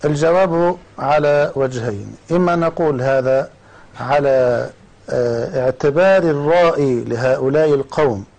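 Brief: measured male scholar guest, dark mellow tone, steady explanations. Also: medium pitch, creaky, low-quality recording. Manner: measured, cites scripture and scholars.

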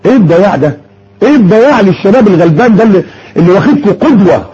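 A man's voice: sits high, big pitch swings, racing, mellow, husky. A man with an Egyptian Arabic accent preaching a sermon, firing rhetorical questions and mockingly repeating words. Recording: muffled lo-fi audio.

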